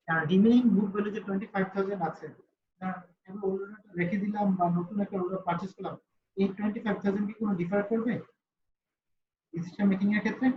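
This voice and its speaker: Male teacher, brisk question-and-answer style, roomy online-call sound. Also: sits high. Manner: quizzes students, answers own questions. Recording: roomy, slightly dull call audio with faint ambience.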